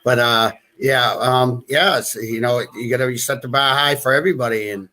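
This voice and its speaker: New England man, halting and chatty. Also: medium pitch, steady tone, pushed and bright. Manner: halting, many restarts and fillers, chuckles. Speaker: guest. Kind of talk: casual live-stream conversation.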